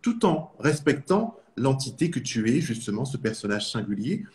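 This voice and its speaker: A man's voice: mid-range voice, big pitch swings, normal speed, a little mellow. A man from France hosting an interview, framing questions with enthusiastic praise for his guest. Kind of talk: interview host.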